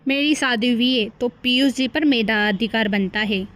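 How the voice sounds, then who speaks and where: Possessive cartoon co-wife, a woman playing her: taunting, sharp-tongued, higher pitch. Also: moderate pace, close to an everyday voice.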